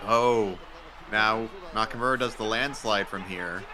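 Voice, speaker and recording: A man's voice: on the low side, unhurried. A man doing wrestling commentary on a match, explaining the moves and calling the counts. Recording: crowd noise behind the voice.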